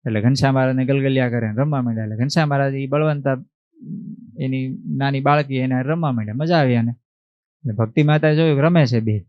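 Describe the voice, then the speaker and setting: A man, a monk telling a devotional story in an animated way, acting out voices and asking the listeners questions. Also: mid-range voice, quick pace, no echo, highs cut off. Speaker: monk giving a religious discourse.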